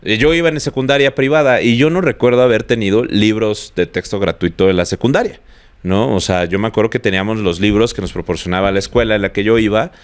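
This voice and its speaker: A young Mexican man with a low, clear, resonant voice talks quickly as a podcast co-host. In Mexican Spanish, he chats in a relaxed, slangy way and claims he speaks posh.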